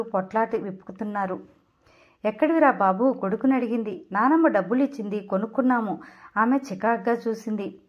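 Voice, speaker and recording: A woman reads a novel aloud in a fairly high voice, voicing each speaker's dialogue in her own plain tone. She stumbles now and then and corrects herself as she reads. The recording sounds dull and lo-fi. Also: a little mellow. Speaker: audiobook narrator.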